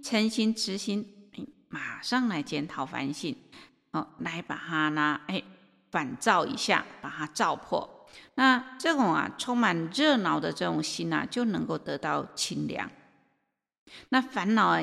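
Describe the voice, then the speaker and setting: A woman giving a Buddhist sermon and telling a story, unhurried and full of drawn-out filler particles. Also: fairly low pitch, creaky. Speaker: Buddhist teacher. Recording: long reverb of a hall.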